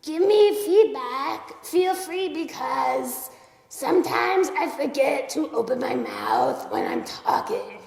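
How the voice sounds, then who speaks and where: A woman voicing a shy, polite little rat-pig puppet with a gravelly voice, talking softly and hesitantly. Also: sits high, big pitch swings, slow pace, full character voice. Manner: soft-spoken, hesitant, giggly. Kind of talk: puppet interview. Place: art museum. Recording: echoey hall with crowd chatter.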